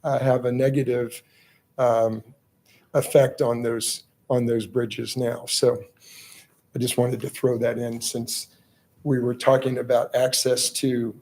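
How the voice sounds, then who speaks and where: A hoarse, raspy-voiced man giving halting, measured public comment as a resident at a planning meeting. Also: medium pitch, level tone, darkish tone. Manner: halting, measured delivery with pauses.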